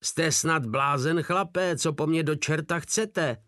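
A man's voice: fairly high pitch, bright, forceful tone, no room sound, studio quality, voice pushed up. A man doing an enraged army captain. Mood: exasperated.

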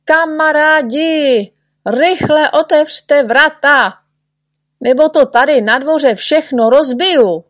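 A woman's voice: on the high side, lively intonation, dry recording, clean studio sound. A woman voicing a clumsy, boastful little male shorty who yelps and whines about pain. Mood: shouting. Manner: whiny, yelping, scared of pain.

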